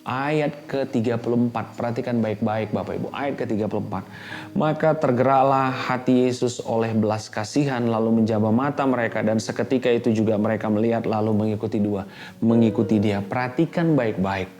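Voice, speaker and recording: A man's voice: medium pitch, brisk, darkish tone, faint music behind. A man with an Indonesian accent preaching a fervent sermon as a pastor, slipping English words into his talk. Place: church hall.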